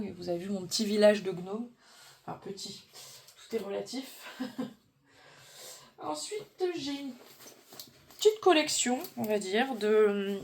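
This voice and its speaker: A woman's voice: medium pitch, a little hiss or hum. A woman vlogging casually about her favorite coloring book pages, chatty and hesitant with frequent fillers and restarts. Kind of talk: casual chat showing coloring books.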